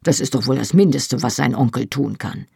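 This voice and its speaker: A playful, dry-humored uncle with a lowered, deep voice, as an audiobook reader puts him on. The tone is gravelly, and the read is close and dry. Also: moderate pace, mellow, no room sound. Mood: joking.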